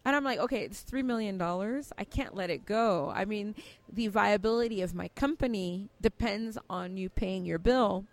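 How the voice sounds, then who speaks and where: Earnest middle-aged woman, halting restarts. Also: medium pitch, no room sound. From Cameroon. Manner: earnest, many restarts and fillers. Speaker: company founder. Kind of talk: interview answer.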